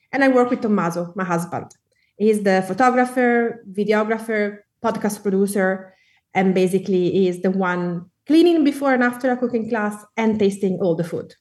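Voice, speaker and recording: A woman with an Italian accent talking as an interview guest, relaxed and friendly with easy laughs. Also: medium pitch, far from the mic. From Italy. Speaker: guest cookbook author. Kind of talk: casual interview chat.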